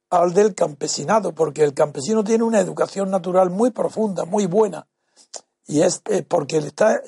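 A man explaining the meaning and origin of words in answer to a question, in a deliberate, lecturing way with frequent halting restarts. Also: sits high, vocal fry, a little mellow, slightly rough, dry recording, studio quality. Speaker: language expert answering a listener's question. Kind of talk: explanatory talk on word meanings.

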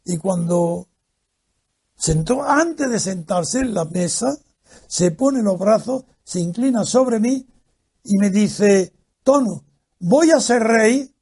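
Slowly and in a high-pitched, breathy voice, an older man works through a long personal anecdote for an interviewer. He tells it with animation, mimicking the voices of the people in the tale.

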